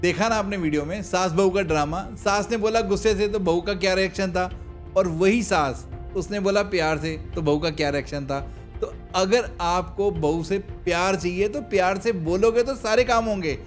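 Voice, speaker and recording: A man's voice: high-pitched, normal speed, soft background music. A man hosting a reaction video as a matchmaker, explaining and advising viewers in casual commentary.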